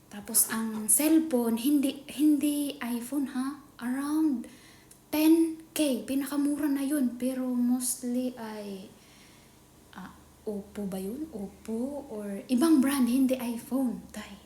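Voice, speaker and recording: A woman's voice: high-pitched, slow pace. Chatty Filipino woman, half-whispering. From Philippines. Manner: chatty, often drops to a hushed whisper. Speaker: nanny vlogger. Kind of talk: casual vlog chat. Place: employer's home. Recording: echoey room with faint ambient noise.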